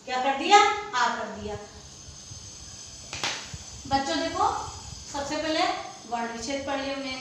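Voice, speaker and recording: A woman's voice: high voice, a bit bright, slight background noise. A woman teaching a classroom lesson, drilling pupils with questions she answers herself and mixing in English words. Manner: mixes English words into Hindi. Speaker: school teacher. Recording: echoey classroom from far off.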